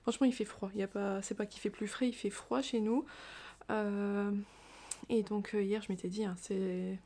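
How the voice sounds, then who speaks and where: A woman's voice: medium pitch, steady tone, moderate pace. A woman chatting casually about her knitting projects, rambling with fillers and restarts. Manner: hushed, half-whispered talk. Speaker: knitting vlogger. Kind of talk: casual chat.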